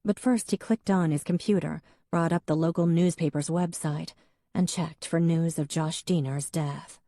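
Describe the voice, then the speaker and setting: A woman narrating an audiobook in an even, measured reading. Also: low-pitched, no echo, studio quality. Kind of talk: scripted narration.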